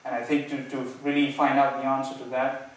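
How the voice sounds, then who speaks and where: A man defending his PhD thesis, nervous and hedging, halting with many false starts and repeated words. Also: medium pitch, flat delivery. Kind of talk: academic thesis defense, spontaneous answers. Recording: very echoey room, distant mic, faint noise.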